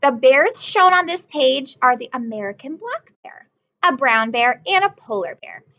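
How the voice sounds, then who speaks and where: In dull audio, a female teacher shares a picture book with young children, frequently breaking off to question and praise them encouragingly. Her high, bright voice is forceful and unhurried, with lively intonation.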